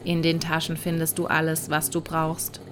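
A woman voicing a calm, patient male factory robot who explains things in an instructive way. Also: sits low, normal speed, background noise, lightly acted.

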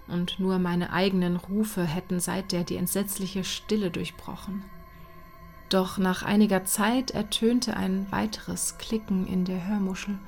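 Female horror narrator, unhurried, hushed and whispering, over soft music. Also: medium pitch. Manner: slow, hushed, sinking to whispers. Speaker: reader. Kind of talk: dramatic horror story reading.

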